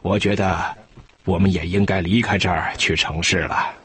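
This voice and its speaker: A man's voice: sits low, fairly even intonation, normal speed, fairly bright tone, a little hiss or hum. A man giving first-person testimony in a documentary, speaking as a herder.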